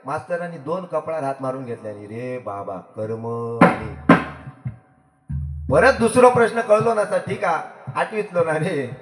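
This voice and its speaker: A man's voice: a little high, lively intonation, a little slow. A man with a Malvani Marathi accent telling a comic story on stage, teasing and repeating his punchlines. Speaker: bhajan singer and storyteller. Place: performance hall. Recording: echoey hall with faint music.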